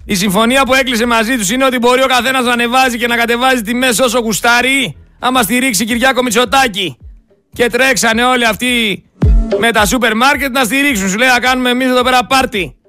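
A man's voice: very high voice, pushed and bright, faint music behind. A man hosting a radio show, giving angry, sarcastic political commentary and talking straight to his listeners. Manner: indignant, sarcastic, addresses listeners as friends. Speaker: radio host.

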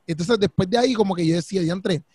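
Fast, high man. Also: darkish tone. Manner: slangy, quick anecdotal storytelling. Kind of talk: casual chat.

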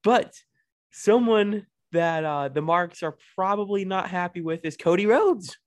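A man co-hosting a casual podcast chat, playful and quick to riff on a joke. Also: sits high. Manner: lively, playful, riffs on bits. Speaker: podcast co-host.

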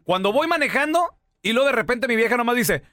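Lively man radio host. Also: very high voice, quick pace, dry recording, studio quality. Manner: animated storytelling, acts out shouts. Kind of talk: casual radio banter.

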